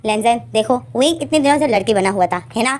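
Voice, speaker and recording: A woman doing a doting mom, scolding then affectionate, bright and high, storybook. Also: lively intonation, fast talker, natural voice. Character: mother, doting, playful, fair to both sons.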